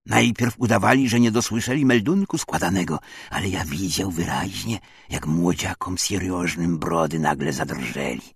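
A man's voice: low voice, moderate pace, gravelly, hardly any pauses, husky, no echo, clean studio sound. A man narrating a first-person story in folksy, old-fashioned rustic speech, often turning to address the listener directly.

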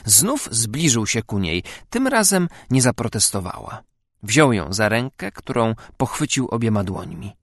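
A man narrating an audiobook in a measured, expressive storytelling manner. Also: lowish voice, no echo, clean studio sound. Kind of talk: scripted narration.

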